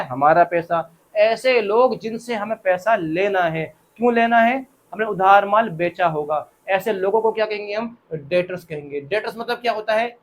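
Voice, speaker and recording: Guy teaching accounting to kids, fairly high voice, keeps quizzing the class and repeating terms. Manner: asks the class questions and repeats key terms; addresses students as children, playful examples. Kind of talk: classroom-style accounting lesson.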